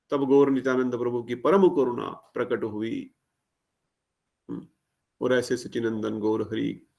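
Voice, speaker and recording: A man's voice: mid-range voice, vocal fry. A man giving a devotional discourse, retelling a sacred story with acted-out dialogue and questions to the listeners. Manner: animated, acts out dialogue, asks audience questions. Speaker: preacher.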